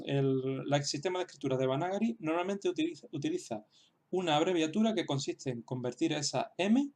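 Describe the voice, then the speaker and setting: A man teaching a lesson over on-screen writing, speaking hesitantly with many fillers and repeated words, and sounding out example words slowly and carefully. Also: fairly high pitch, a little mellow. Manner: slow, careful example pronunciations.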